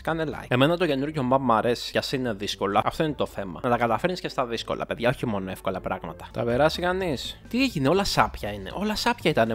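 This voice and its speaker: A man giving casual gameplay commentary as a gaming YouTuber, slangy and chatty, calling his viewers "bro" and bursting out as he plays. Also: mid-range voice. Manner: excitable outbursts while playing.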